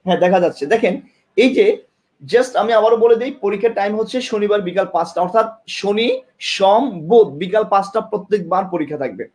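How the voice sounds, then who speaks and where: A man's voice: sits high, fast, darkish tone. A man teaching an online exam-prep class, often repeating himself and asking students questions, recorded by a camera mic in a classroom with a board. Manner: demonstrates with tongue and lips.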